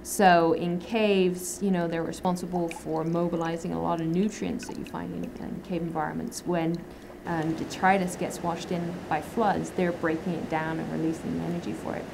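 This woman speaks with a lowish, creaky voice, delivering her words flatly at a moderate pace with few pauses over some background noise. She's a thirty-something microbiologist describing her research to a documentary crew inside her lab, using her hands as she explains.

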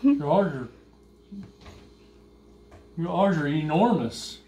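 Woman, slightly low voice, animated, playful teasing in family chat, faint noise. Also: takes it slowly, reverberant. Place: room in a house.

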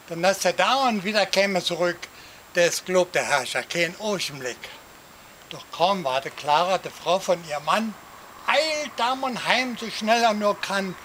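A man reciting a rhyming comic poem for an audience, lively, jumping up in pitch for shouted cries. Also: slight background noise, poor audio. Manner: lively storytelling, swings voice up for quoted cries. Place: outdoor garden theatre.

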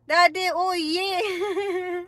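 High-pitched giggly woman streamer. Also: fairly bright tone, no echo. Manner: giggly, teasing, reads viewer comments aloud. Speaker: livestream host. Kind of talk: casual livestream chat.

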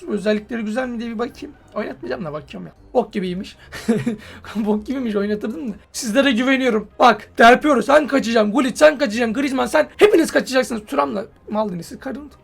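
A man giving casual, joking commentary on a football game he is playing, yelling at his players. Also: very high voice, gravelly. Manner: excitable, joking, swears and yells at players. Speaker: mobile football gamer.

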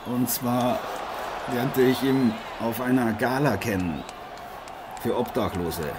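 A man plays a chummy, slightly grandiose celebrity co-commentator in an improvised boxing audio drama, friendly and engaged. His mid-range voice is slow and close to everyday speech, with noisy arena crowd ambience behind him.

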